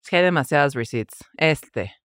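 Woman, gossip co-host, quick interjections, agreeing, dry recording. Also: deep voice, expressive, clear, resonant tone, no room sound. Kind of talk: casual gossip chat.

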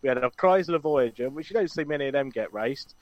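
A man co-hosts a podcast in a relaxed, agreeable, conversational tone. His voice is mid-pitched and sounds dry and close, with little room echo. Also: fast talker, highs cut off. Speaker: podcast co-host. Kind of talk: casual podcast chat.

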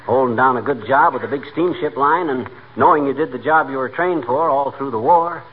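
An actor playing a boastful, bumbling middle-aged husband who rambles and corrects himself in 1940s radio comedy. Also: male voice, medium pitch, a little fast, close to an everyday voice. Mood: earnest, encouraging. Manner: rambling, blustery, self-correcting. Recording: noisy tinny 1940s radio broadcast.

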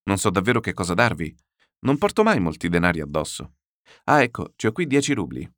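Scheming fussy gentleman in a storybook reading, lively wheedling delivery, dry sound, played by a male reader. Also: low-pitched, a little fast, dry recording. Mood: evasive.

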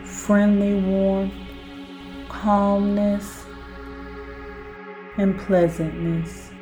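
A woman guiding a self-hypnosis relaxation in a soothing, deliberate manner, like a sleep story narrator. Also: mid-range voice, level tone, dark tone, faint music behind. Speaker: podcast host and relaxation guide.

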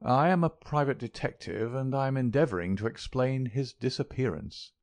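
A man reading a calm, measured gentleman detective. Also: medium pitch, no room sound, pitched above the performer's own voice, close to an everyday voice. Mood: courteous, probing. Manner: measured, courteous, quietly probing.

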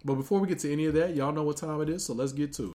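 A man's voice: a little high, steady tone, rapid-fire, dark tone. A man hosting a casual comedy podcast, talking in a loose, easygoing way with lots of fillers. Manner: laid-back, loose, with frequent "uh" fillers. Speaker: podcast host.

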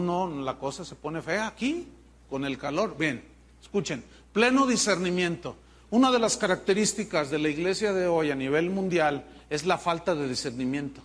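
A male pastor delivering a sermon in a church, his voice pitched notably high for a man. He preaches in a conversational, lively way, asking the congregation questions and acting out the people he quotes. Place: church sanctuary.

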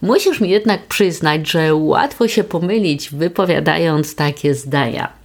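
A woman hosting a podcast, calmly explaining facts in a scripted, measured way. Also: deep voice. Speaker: podcast host and proofreader.

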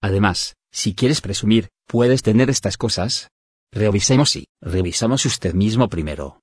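A man's voice: fairly low pitch, moderate pace, breathy edge, dry recording, studio quality. A man reading the part of a playful, offhand young man in an audiobook, teasing his friend.

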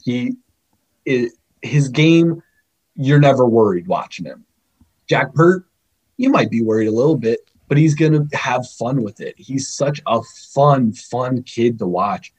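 Man, podcast guest; husky, middle pitch, animated and chatty. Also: unhurried, low-quality recording. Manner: animated, laughs often, chatty. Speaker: scouting guest. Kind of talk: podcast interview.

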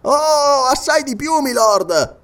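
A man reading aloud and voicing an excitable middle-aged army sergeant who answers in emphatic, insistent bursts. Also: very high-pitched, slow pace, pitched above the performer's own voice, exaggerated voice.

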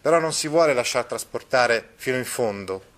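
A man's voice: mid-range voice, expressive, moderate pace, a bit bright. A man teaching literature, reading passages from a novel aloud and stopping to comment on them, with hesitant fillers and repeats.

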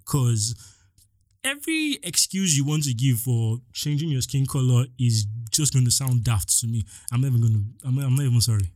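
A young man with a Nigerian accent hosting a solo podcast, talking in an animated, exasperated way straight to his listeners. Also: medium pitch, moderate pace, no room sound, studio quality. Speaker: podcast host.

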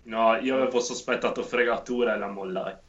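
Guy chatting w friends on a podcast, normal pitch, dull lo-fi sound. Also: steady tone, a little fast, a bit bright. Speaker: podcast panelist. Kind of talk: casual chat. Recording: dull lo-fi voice call.

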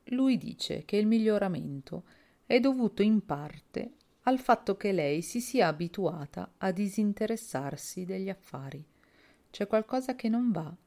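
A woman's voice: mid-range voice, animated, measured pace, mellow. A woman voicing a brusque, impatient man. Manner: brusque and dismissive. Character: brother-in-law, impatient, easily alarmed man.

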